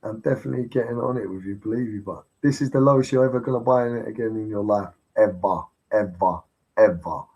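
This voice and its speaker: Guy ranting on his stream, swears loads, pushy, mid-pitched voice. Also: steady tone, very fast, vocal fry, hardly any pauses, darkish tone, highs cut off. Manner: blunt, heavy swearing, pushy and insistent. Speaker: livestreamer. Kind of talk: casual live-stream rant.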